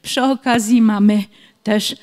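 Middle-aged woman, educator giving a webinar talk on preschool speech games, mid pitch, explanatory, long reverb. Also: steady tone, darkish tone. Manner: explanatory, reads children's rhymes aloud with slow rhythmic emphasis. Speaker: author and early-years educator.

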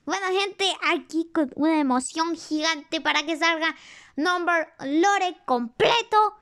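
A YouTuber in a put-on cartoonish character voice gives excited reaction commentary, repeating exclamations while watching and chatting with the audience. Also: extremely high pitch, slow. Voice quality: a put-on cartoonish character voice, not the speaker's real one. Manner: chatty with the audience, laughs at own slips. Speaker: YouTuber reacting to an animated series.

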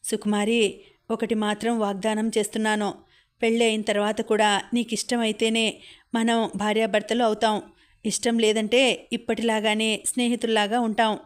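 A woman voicing an earnest young man who proposes in a soft, steady, pleading voice. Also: a little high, moderate pace, clean tone, natural voice. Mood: tender pleading.

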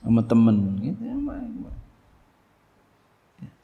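A middle-aged man teaching a religious book study, talking animatedly, leaping in pitch and acting out bits of dialogue. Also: slow, muffled recording. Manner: animated, acts out quoted dialogue, big pitch leaps. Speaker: Islamic teacher. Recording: long hall reverb.

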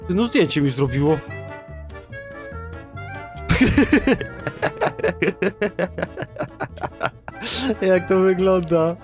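A young man giving let's play commentary, excitable and laughing, often swearing and reading game text aloud. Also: high-pitched, normal speed, few pauses, faint music behind. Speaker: gaming YouTuber.

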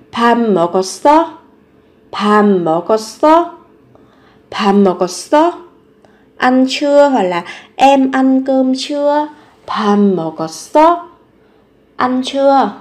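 A woman teaching short everyday phrases, repeating each one slowly before explaining it. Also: a little high, darkish tone. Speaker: Korean language teacher. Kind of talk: Korean lesson explained in Vietnamese.

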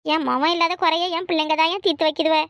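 A woman's voice: extremely high pitch, little pitch movement, fast, fairly bright tone, no echo, clean studio sound. A woman voicing an older village woman who tenderly calls her cattle her children, in a cartoon.

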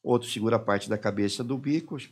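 A middle-aged man from Brazil, a podcast guest, telling his story haltingly and quoting the people who questioned him. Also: medium pitch, slightly rough. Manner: halting retelling, quoting his interrogators and himself. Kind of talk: personal testimony in a podcast interview.

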